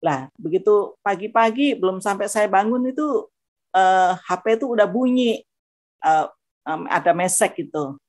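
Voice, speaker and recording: A woman's voice: mid-range voice, normal speed, no echo. Chatty woman with a Javanese accent. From Central Java, Indonesia. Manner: animated, acts out dialogue; chatty, frequent fillers. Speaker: giving a religious testimony. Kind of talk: personal testimony storytelling.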